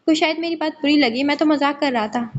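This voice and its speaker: A woman's voice: high-pitched, a little fast, dull audio, slight background noise, close to an everyday voice. A woman voicing a friendly young man who works in a factory and likes to joke. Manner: friendly, teasing. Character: cheerful young man, factory worker, joking.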